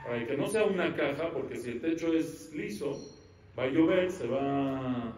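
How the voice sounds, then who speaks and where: Rabino dando una clase en sala con eco. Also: male voice, mid-range voice, normal speed, faint music behind. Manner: animated teaching, asks the audience questions and answers them. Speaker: rabbi. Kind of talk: Torah lecture to a live audience. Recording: echoey room, mic at a distance.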